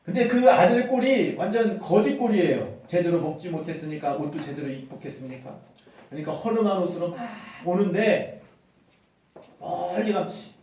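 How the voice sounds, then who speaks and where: Pastor guy preaching, acts out the story, mellow tone, far from the mic. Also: high-pitched, moderate pace. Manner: animated storytelling, acts out quotes. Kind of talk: sermon. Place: church hall. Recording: echoey hall from far off.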